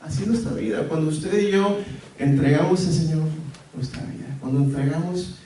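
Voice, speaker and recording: A male pastor preaching a sermon in a church, earnest, with soft pauses and sudden emphatic rises. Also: a little high. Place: church sanctuary. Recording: echoey church hall, mic at a distance.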